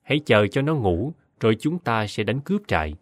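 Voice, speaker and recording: A band of scheming male robbers, voiced by a man reading a tale plot and warn. The pitch swings freely and the sound is dry and close. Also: sing-song, a little fast, dry recording. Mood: plotting.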